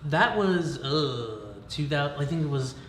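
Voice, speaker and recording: A man's voice: a little high, lively intonation, unhurried, fairly bright tone. A man who co-founded a film team, answering in a casual, dry-humored way. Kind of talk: casual interview. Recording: echoey room with faint background noise.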